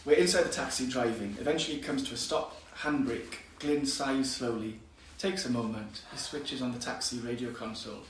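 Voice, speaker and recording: A man calmly reading scene directions for an audio drama. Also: medium pitch, fairly quick, hardly any pauses. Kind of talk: scripted narration. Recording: echoey, distant, faint noise.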